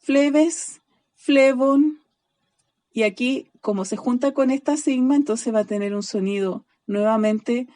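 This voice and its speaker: A woman teaching a recorded online class, patiently spelling out word endings and checking in with a quick "ya?" after nearly every line. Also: fairly high pitch, steady tone, dark tone. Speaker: Greek teacher.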